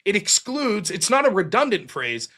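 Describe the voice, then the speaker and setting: The livestream host's voice is high, pushed and bright, and very animated as he moves at a moderate pace. Alone on his political commentary show, he argues a legal reading point by point with real emphasis.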